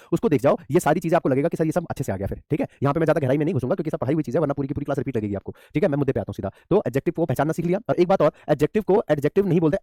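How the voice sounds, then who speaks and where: A man's voice: fairly high pitch, warm tone, no room sound, studio quality. A man teaching an online English grammar class, calling his students "beta" and asking and answering his own questions.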